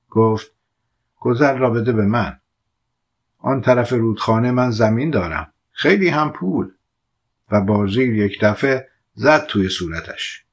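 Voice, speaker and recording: A man reading a literary short story aloud as an audiobook narrator, measured and quiet, giving the dialogue light voices. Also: lowish voice.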